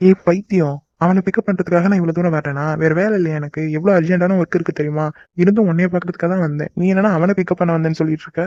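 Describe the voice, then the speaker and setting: A man voicing a gentle young man in a cartoon, soothing and teasing his crying sweetheart. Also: high-pitched, steady tone, very fast, no room sound, lightly acted. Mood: teasing casual. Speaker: voice actor. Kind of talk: cartoon love-story dialogue. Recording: dull lo-fi dry recording.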